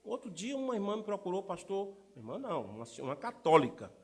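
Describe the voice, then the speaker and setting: High-voiced animated male preacher. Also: fairly quick, husky. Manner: animated, rhetorical questions to the congregation. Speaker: pastor. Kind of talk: sermon. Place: church.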